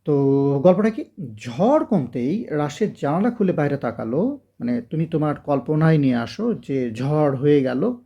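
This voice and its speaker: A Bangladeshi man teaches vocabulary in a slow, drilling way. His voice is husky with a gravelly edge, and he sits a little higher than most men. The lo-fi recording sounds dull. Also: big pitch swings, dark tone. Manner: repeats words slowly for drilling, reads example sentences very slowly. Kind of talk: classroom-style vocabulary lesson.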